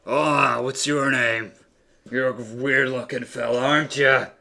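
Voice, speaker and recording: A man voicing a brash, rowdy male orc in a tavern, speaking loudly, gruffly and crudely. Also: mid-range voice, steady tone, a little slow. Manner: loud, gruff, blunt and crude.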